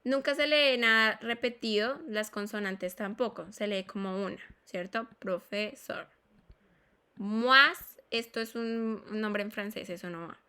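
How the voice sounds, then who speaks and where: A woman with a fairly high, sharp, clean voice teaches English pronunciation in class, explaining phonetics. She goes slowly and deliberately, spelling out sounds, repeating words and checking in with her students.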